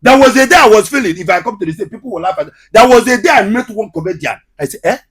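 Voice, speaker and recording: A man's voice: high voice, animated, fast, fairly bright tone, husky. A man with a Nigerian Igbo accent, telling his story as an interview guest and repeating phrases emphatically. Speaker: guest, comedian and skit maker.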